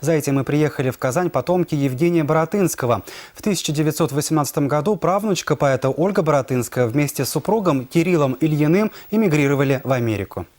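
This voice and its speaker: Higher-pitched male news presenter. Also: lively intonation, fast, few pauses, darkish tone. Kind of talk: scripted news reading.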